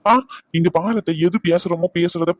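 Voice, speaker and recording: A man's voice: sits high, fairly even intonation, moderate pace, darkish tone, no echo, close to an everyday voice. A man voicing an outspoken young nephew who scolds his aunt in a cartoon family drama. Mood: scolding. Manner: scolding, insistent.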